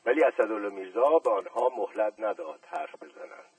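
A man narrating a storybook in a steady, plain way, as an audiobook reader. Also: medium pitch, vocal fry, breathy edge, distant mic, narrow, tinny audio.

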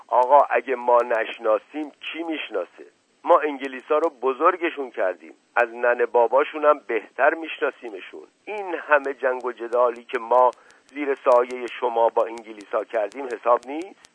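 A man's voice: mid-range voice, dry recording, natural voice. A male narrator voicing a talkative, boastful old rustic servant with a folksy drawl full of stock hesitations, in a storybook reading. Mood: indignant. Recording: tinny narrow-band radio sound, dry.

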